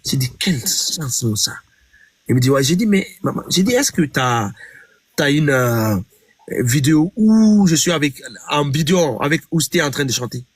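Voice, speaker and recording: Husky man telling his story. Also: a little high, lively intonation, normal speed, no room sound. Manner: retells conversations, repeating "j'ai dit", emphatic. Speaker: singer recounting a song dispute. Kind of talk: interview storytelling.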